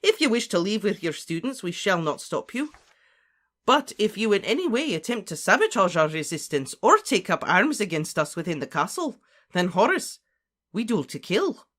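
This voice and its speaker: An audiobook narrator voicing a stern, commanding woman professor of witchcraft, crisp and imperious, in a storybook reading. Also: mid-range voice, big pitch swings, normal speed, fairly bright tone, pitched above the performer's own voice. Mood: stern, resolute.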